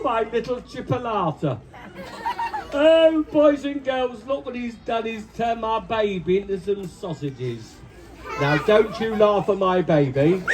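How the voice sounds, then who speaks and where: A puppeteer voicing Judy, a scolding puppet wife, shouting out to the children at a live outdoor show. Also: medium pitch. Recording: loud crowd and noise, live outdoor show. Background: shouting children in the audience.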